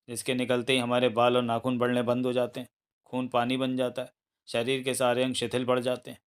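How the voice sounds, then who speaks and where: A man's voice: medium pitch, smooth, close to an everyday voice. A man voicing a worried middle-aged father who grumbles and rambles at his son, in a read-aloud novel.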